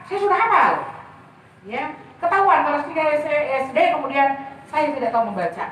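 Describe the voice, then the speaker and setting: A middle-aged woman, an author, telling personal stories in a lively and expressive way and often addressing her listener directly. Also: sits high, a little hiss or hum. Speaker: author and speaker. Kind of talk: personal storytelling. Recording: echoey room, voice from far off.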